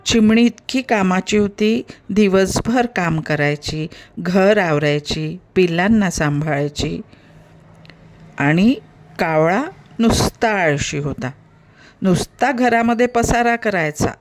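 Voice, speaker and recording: A woman narrating a children's story in a gentle storytelling manner, speaking to young listeners. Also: mid-range voice, slow.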